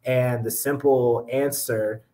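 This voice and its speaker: Steady young man explaining football. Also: medium pitch, takes it slowly, poor audio. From Georgia, US. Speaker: sports reporter, podcast guest. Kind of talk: casual postgame analysis. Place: small indoor room. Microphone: webcam on a video call.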